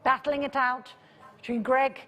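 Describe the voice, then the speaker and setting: A woman with a fairly high voice runs a live auction in a large, reverberant room. She calls and repeats bid figures with polite, controlled insistence, keeping steady command of the sale. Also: measured pace.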